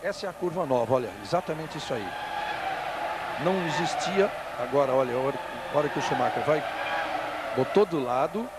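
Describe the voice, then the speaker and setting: A man's voice: on the high side, lively intonation, fairly quick, pauses often. A man with a Brazilian Portuguese accent giving live technical analysis as a motorsport commentator, explaining in a conversational way. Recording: clear engine and track noise behind. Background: race cars and outdoor ambience.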